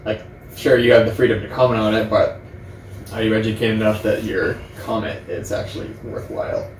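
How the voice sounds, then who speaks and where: A man's voice: fairly low pitch, fairly quick. A man chatting casually with friends, giving his opinions in a conversational way. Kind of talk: casual group chat. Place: living room, on a couch. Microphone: distant camera microphone. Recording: echoey room, distant mic, faint noise.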